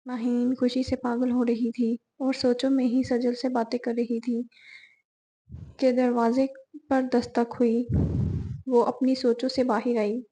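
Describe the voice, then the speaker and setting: A woman reading a romance novel aloud in steady narration. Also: fairly high pitch, a little slow, rough recording. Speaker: novel reader.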